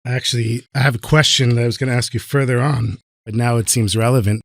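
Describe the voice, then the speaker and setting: A man's voice: mid-range voice, fairly even intonation, fast talker, vocal fry, no room sound, studio quality. A man hosting an interview, asking curious, brief follow-up questions. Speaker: podcast host, interviewer.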